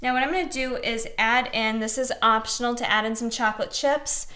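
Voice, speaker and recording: A woman's voice: a little high, steady tone, fairly quick, bright, forceful tone. Chatty young woman hosting a home-cooking show. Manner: chatty and encouraging, talks while mixing and cutting. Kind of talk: casual cooking demonstration. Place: home kitchen, indoors.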